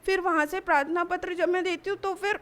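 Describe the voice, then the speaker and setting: Young woman w a high voice, student telling her story for a news interview, stops and restarts a lot. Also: steady tone, fairly bright tone. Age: young adult. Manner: halting, with frequent restarts. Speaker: college student giving testimony. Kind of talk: personal account in a news interview.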